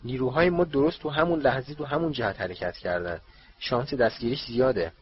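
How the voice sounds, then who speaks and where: A man's voice: medium pitch, natural voice. Diggory, a man doing an insistent eager wizard. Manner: insistent, raises voice to a shout. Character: eager, self-assured middle-aged wizard official. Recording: dull lo-fi recording.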